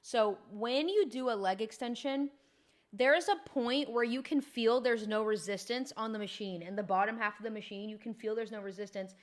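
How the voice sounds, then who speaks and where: At a moderate pace and with a slightly high voice, a young woman fitness coach breaks down gym technique. She chats in an upbeat, informal way, giving casual instruction.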